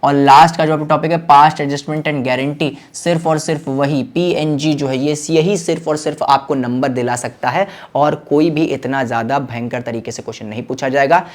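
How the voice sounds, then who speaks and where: Coaching and reassuring his "children" in an online exam-prep class, a young commerce teacher blends English terms into his Hindi and draws out key phrases slowly to stress them. His voice runs on the high side with fairly even intonation.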